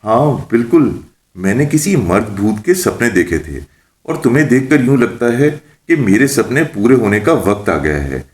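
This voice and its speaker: A man's voice: mid-range voice, big pitch swings, darkish tone, lightly acted. A man voicing a teasing, bossy female witch spirit who mocks and makes demands. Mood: dreamy. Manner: mocking, playful, demanding. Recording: roomy echo.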